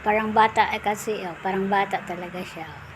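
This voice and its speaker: A woman's voice: mid-range voice, fairly even intonation, fairly quick. A woman vlogger casually narrating what her dog is doing, now and then calling to it in a cooing, sing-song voice. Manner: coos and calls to her pet in a sing-song voice. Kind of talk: casual running commentary. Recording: audible background noise.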